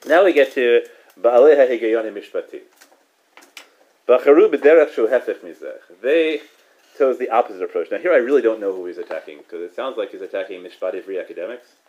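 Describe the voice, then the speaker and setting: A Torah teacher speaks with a fairly low, darkish voice and lively intonation, and the recording has its highs cut off. His Talmud class is conversational, full of "right?" asides, quick restarts, and chuckles.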